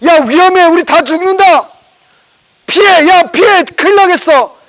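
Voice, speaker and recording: An angry, startled crowd, shouted out by a male preacher, yelling warnings in sharp bursts. The voice climbs very high and gets loud. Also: unhurried, long reverb tail, poor audio.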